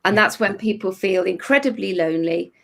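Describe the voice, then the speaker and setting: This middle-aged woman, a therapist with a croaky voice, is a guest in an interview, explaining things thoughtfully and now and then starting a phrase over. She speaks fairly quickly in a mid-range pitch.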